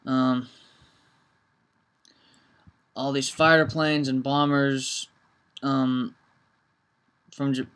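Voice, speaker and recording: A man's voice: medium pitch, level tone, drawn-out words, pauses often, fairly bright tone, smooth. A man talking casually to camera in a vlog, earnest and reflective, with many ums and restarts. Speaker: vlogger.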